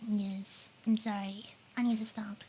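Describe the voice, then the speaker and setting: A woman's voice: medium pitch, flat delivery, unhurried, mellow, slightly rough. A woman streaming live, chatting casually and rambling about games while reading chat messages aloud, with many fillers and some whispered asides. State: eating while talking. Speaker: livestreamer.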